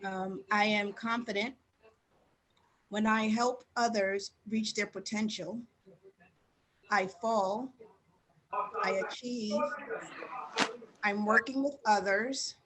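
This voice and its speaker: A woman taking part in an orientation, reading her part of a group poem aloud in a slow, steady way over a video call. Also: medium pitch, a crowd in the background, rough recording. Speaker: orientation participant.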